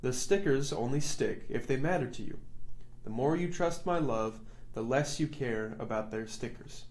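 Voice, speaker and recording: A man voicing a kindly, fatherly woodcarver in a children's storybook, speaking gently, slowly and reassuringly. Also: mid-range voice, lightly acted. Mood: tender. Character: kindly, fatherly old woodcarver, large bearded male maker.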